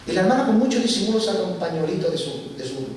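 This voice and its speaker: A man giving a church testimony, telling his story with animated, acted-out dialogue. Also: high-pitched, quick pace. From Spain. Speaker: guest speaker giving testimony. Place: large church hall. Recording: echoey church hall from far off, faint hiss.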